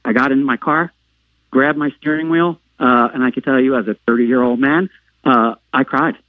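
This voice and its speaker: A man telling a personal story as a podcast guest, pausing on lots of "uh" fillers and jumping loud when he acts out what people said. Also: mid-range voice, no room sound. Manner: halting, filler-heavy retelling; acts out quoted lines with sudden loud outbursts. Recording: narrow phone-like line, dry.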